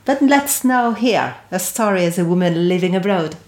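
A woman hosting a podcast who reads a formal introduction and asks interview questions at a measured pace. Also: fairly low pitch, expressive, a little mellow, echoey room. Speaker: podcast host.

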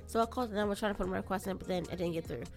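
A woman hosting a podcast, telling stories in casual chat, loud, laughing and profane. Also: medium pitch, very fast, faint music behind. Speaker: podcast host.

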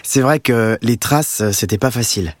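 A man's voice: mid-range voice, steady tone, a little fast, a little mellow, breathy edge, dry recording, lightly acted. A man doing a cross, lonely little schoolgirl. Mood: proud. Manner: upset, pleading.

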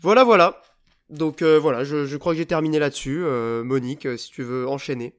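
Podcast host, male, mid-pitched, halting delivery full of fillers; casual chat. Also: little pitch movement, darkish tone, clear, resonant tone. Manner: hesitant, many filler sounds and restarts.

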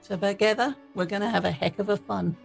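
A woman's voice: mid-range voice, fairly quick, vocal fry. English lady coach on a podcast, upbeat, jokey, a bit of music in the back. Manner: upbeat, cheerful and playful. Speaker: guest, leadership coach and author. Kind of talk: podcast interview.

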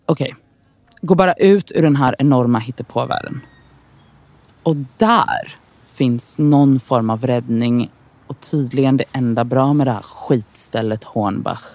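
A woman's voice: a bass voice, darkish tone, no echo. A woman from Sweden in a scripted inner monologue, wry, frustrated and profane as she talks to herself.

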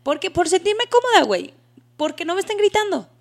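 A woman with a Mexican accent co-hosting a podcast, telling personal stories in lively, slangy casual chat. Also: very high-pitched, a little fast, creaky. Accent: Mexican Spanish. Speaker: podcast co-host.

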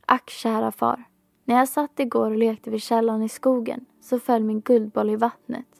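A woman's voice: fairly high pitch, flat delivery, vocal fry, no room sound. A woman voicing a spoiled young princess who complains to her father. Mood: fretful. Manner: complaining, fretful.

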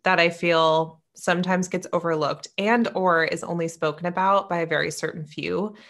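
A woman's voice: on the low side, fairly even intonation, fairly bright tone. A young woman from California, co-hosting a podcast in a chatty, enthusiastic way. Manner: chatty, enthusiastic, quick to laugh. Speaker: podcast co-host. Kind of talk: casual chat.

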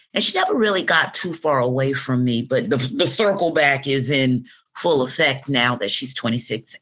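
A woman's voice: deep voice, fairly bright tone. A woman in her fifties, a podcast guest, telling reflective stories in conversation and acting out quoted affirmations. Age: 50s. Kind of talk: conversational interview.

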